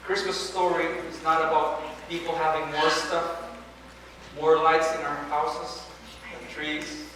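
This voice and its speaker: A man preaching a sermon as pastor, animated and full of rhetorical questions, recorded in a church sanctuary. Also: a little high, a little slow, a little hiss or hum. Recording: echoey church hall, mic far off.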